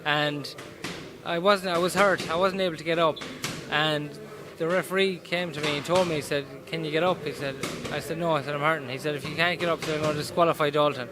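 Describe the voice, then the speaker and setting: A man's voice: fairly high pitch, fairly even intonation, fast talker. A man with a west of Ireland Mayo accent answering interview questions casually as a boxer, earnest and often repeating his phrases. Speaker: professional boxer being interviewed. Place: indoors in a boxing gym. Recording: busy gym noise behind voice.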